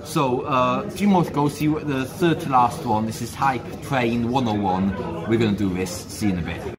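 On a casual London pub-crawl vlog, a man with a mid-range voice rambles and jokes while rating each pub after a long day of drinking, sounding tipsy. He talks at normal speed, and the rough recording is full of loud crowd chatter from the busy pubs and streets.

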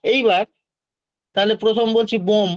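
High-voiced patient male teacher. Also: flat delivery, moderate pace, dry recording. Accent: Bengali. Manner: patient, explains step by step, takes student questions. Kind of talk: online exam-prep lesson. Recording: dull lo-fi dry sound.

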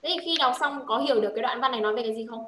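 A woman's voice: on the high side, very fast, bright, forceful tone, echoey room, poor audio. A woman with a Vietnamese accent tutoring a child in English reading, patiently correcting and modeling sentences. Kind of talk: one-on-one English reading lesson.

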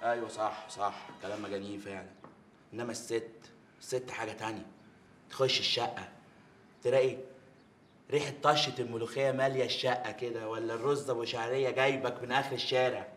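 A chatty, food-loving policeman friend played by an actor in a TV comedy, talking fast in a bright, forceful voice. Roomy sound with faint music behind. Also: medium pitch, fairly even intonation, close to an everyday voice. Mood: relishing.

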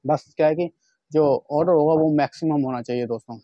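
A man's voice: fairly high pitch, fairly quick, mellow, no room sound, dull audio. A man from India giving a chatty walkthrough of leather shoes in a casual vlog, often calling out to his viewers as friends. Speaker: vlogger showing shoes for wholesale. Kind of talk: casual product demonstration vlog.

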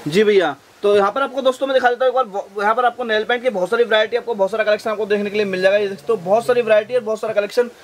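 Rapid-fire high-voiced male vlogger. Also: fairly even intonation. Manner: rapid salesy patter, repeats prices back. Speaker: market vlog host. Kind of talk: upbeat shop-tour vlog.

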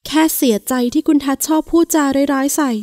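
A woman voicing a hurt, stubborn young wife who protests in a high, sharp voice. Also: completely flat delivery, moderate pace, no echo, studio quality, natural voice.

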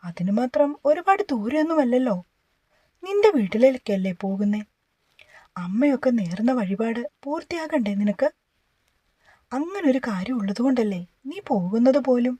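A woman's voice: a little high, big pitch swings, normal speed, warm tone, slightly rough, no echo. A woman voicing a short-tempered but caring young husband who scolds and then coaxes. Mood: coaxing.

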